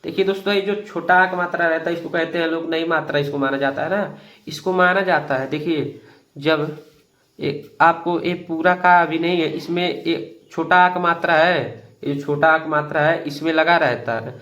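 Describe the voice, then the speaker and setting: A man teaching beginners to read Hindi, patiently repeating each word slowly and addressing viewers as friends. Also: fairly high pitch, fairly even intonation, a bit bright.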